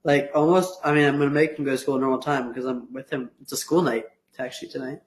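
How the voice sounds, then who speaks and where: A man's voice: mid-range voice, fairly even intonation, quick pace, echoey room, slight background noise, poor audio. A teenage boy co-hosting a podcast, chatting casually and teasing his friend, with lots of "um" and "like". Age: teens. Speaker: podcast co-host. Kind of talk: casual chat.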